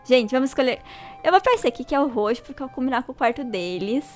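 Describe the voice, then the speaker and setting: Brief: young woman host, excitable gaming chatter, high pitch. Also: quick pace, faint music behind. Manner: chatty, excitable, addresses viewers as gente. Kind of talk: casual let's play commentary.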